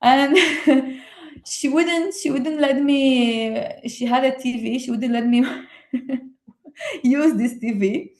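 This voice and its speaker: A young woman from Romania speaking English with a Romanian accent, chatting as a guest in a hesitant, excited way with many fillers. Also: high-pitched, slow pace. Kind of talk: casual conversation. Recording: echoey room.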